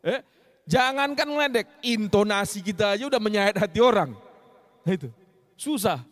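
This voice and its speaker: A man from Medan with a Medan accent, giving a lively mosque sermon that swings between loud punches and low asides. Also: normal speed. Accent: Medan Indonesian. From Medan, Indonesia. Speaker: preacher.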